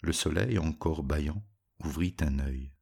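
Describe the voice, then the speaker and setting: A man reading a storybook aloud in an even, measured way. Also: rumbling low, gravelly, slightly rough. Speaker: narrator.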